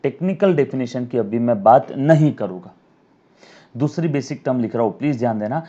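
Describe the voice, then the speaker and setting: A man giving an accounting lecture to camera, dictating definitions slowly, repeating words, and addressing students as his children with frequent "yes or no?" checks. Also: medium pitch, lively intonation, warm tone, lo-fi sound. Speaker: accounting teacher. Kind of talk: recorded video lecture. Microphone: camera mic.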